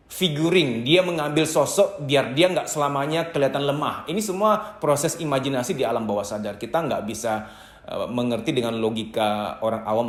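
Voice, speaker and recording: A man's voice: medium pitch, reverberant. A man giving a psychology lecture, emphatic and instructive, speaking directly to his listeners. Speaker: psychology trainer. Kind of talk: lecture to camera.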